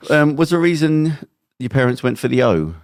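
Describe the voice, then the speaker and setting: A man's voice: mid-range voice, expressive, brisk. A British man hosting a casual podcast chat, thinking aloud in a rambling way. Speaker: podcast host.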